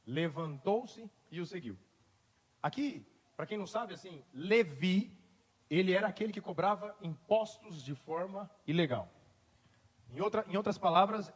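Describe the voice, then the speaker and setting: A pastor with a high, husky voice preaches in church, starting with conversational storytelling before turning to emphatic declarations. The church hall adds long reverb.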